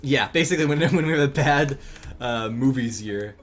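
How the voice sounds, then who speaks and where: A man chatting casually while drawing on a livestream, relaxed and rambling, thinking aloud with ums and laughs. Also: medium pitch, normal speed, soft background music. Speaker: streamer and animator.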